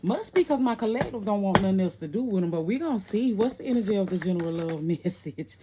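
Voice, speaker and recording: Lively woman giving a tarot reading. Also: mid-range voice, fast, background noise. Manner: animated, sassy, laughs often. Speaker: tarot reader.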